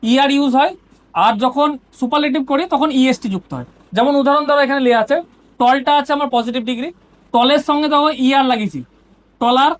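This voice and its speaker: A woman teacher with a Bengali accent explains grammar step by step in a high voice, a little fast and with fairly even intonation. She often asks "ঠিক আছে?" to check that her students follow.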